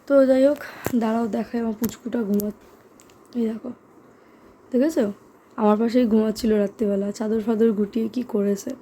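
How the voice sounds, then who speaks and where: A hoarse young woman with a sore throat, speaking softly in a casual vlog from her bedroom. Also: a little high, little pitch movement, quick pace, a little hiss or hum. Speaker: vlogger. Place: bedroom at home.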